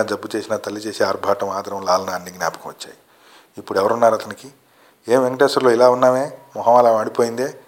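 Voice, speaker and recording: A man reading a short story aloud as narrator, in a steady, earnest way. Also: fairly low pitch. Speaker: story reader.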